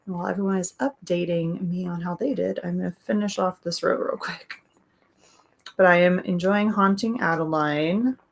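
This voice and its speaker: A woman with a raspy voice hosting a casual livestream, reading viewers' comments aloud and chatting about them. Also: lowish voice, moderate pace. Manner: chatty, reads comments aloud, laughs often. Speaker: livestream host.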